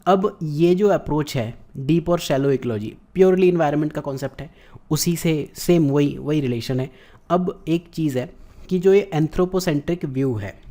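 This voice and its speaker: A man delivers a recorded exam-prep lecture, slipping English terms into Hindi explanations. His voice sits a little high but sounds dark and mellow. He keeps checking in with "right" as he moves through the points. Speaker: geography teacher.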